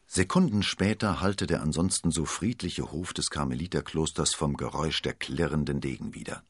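A man narrating an adventure audiobook in an expressive storytelling manner. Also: extremely low pitch, moderate pace, slightly rough, no room sound, studio quality.

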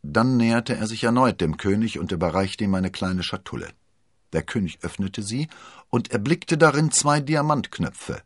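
Male audiobook narrator, deep and husky, expressive storytelling. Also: normal speed, dry recording, studio quality.

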